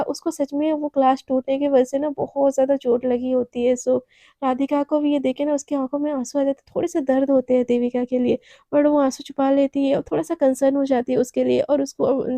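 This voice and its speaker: A woman tells a serialized romance story in a casual, chatty way, full of little fillers. Her voice is high yet mellow in tone. The recording is dry and close. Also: level tone, a little fast, no echo.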